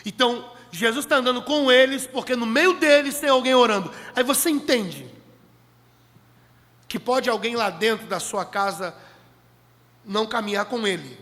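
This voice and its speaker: A male preacher with a very high, sharp, ringing voice delivers an emphatic sermon and hammers home key phrases. His words carry a long reverb from a large meeting hall, picked up through a stage microphone. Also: moderate pace.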